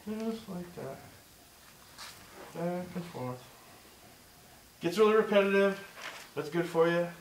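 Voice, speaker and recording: A man teaching a movement drill step by step, encouraging and repeating himself, slightly hoarse and short of breath. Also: high-pitched, animated, slow, echoey room, recorded from a distance, background noise. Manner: encouraging, repeats "just like that" and "good". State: losing his voice, a bit out of breath. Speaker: instructor. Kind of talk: step-by-step demonstration lesson.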